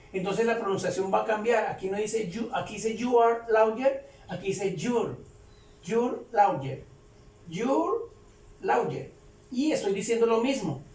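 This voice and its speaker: A man teaching English grammar step by step, repeating each example sentence slowly and patiently. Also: sits high, darkish tone. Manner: slow, repetitive, explains each example twice. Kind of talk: step-by-step tutorial. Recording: roomy, distant mic with faint ambience.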